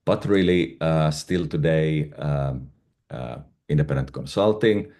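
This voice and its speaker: A middle-aged Finnish man with a Finnish accent answers conversationally as an interview guest; he's an independent pharmaceutical consultant. His voice rumbles low with a darkish tone, and he speaks unhurriedly.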